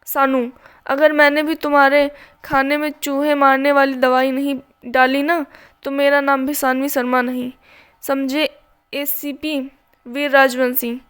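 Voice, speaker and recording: A sharp-tongued young woman with cheeky comebacks, read by a woman narrator. Her storybook voice is high and even. It is delivered slowly. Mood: feisty. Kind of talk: storybook reading.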